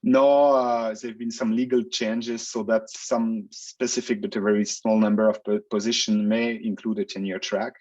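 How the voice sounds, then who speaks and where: A man's voice: mid-range voice, lo-fi sound. A man who grew up in Belgium, a researcher answering interview questions in a casual, hesitant way with many fillers and restarts, speaking over a video call. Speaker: researcher guest.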